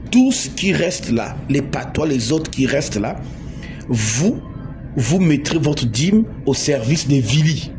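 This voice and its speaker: A man's voice: medium pitch, mellow. Emphatic Congolese man preaching. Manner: emphatic, repeats words, asks the audience. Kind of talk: sermon. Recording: noisy background.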